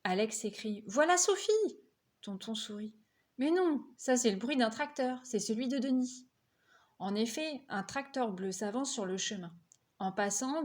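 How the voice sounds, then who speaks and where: Woman reading a children's novel aloud. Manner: lively, voices characters' quotes higher. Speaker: reader.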